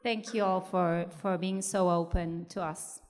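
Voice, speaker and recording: A woman sharing her experience in a live group discussion, earnest and halting as she searches for words. Her voice carries the long reverb of a conference hall. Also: lowish voice, steady tone. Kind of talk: personal testimony in a group discussion. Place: conference room at a live event.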